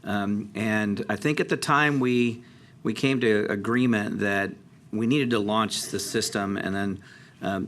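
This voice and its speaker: A man's voice: on the low side, a bit bright, a little hiss or hum. A man giving a casual, conversational update to a city council, with many fillers and restarts. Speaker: transit district presenter. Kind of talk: council presentation.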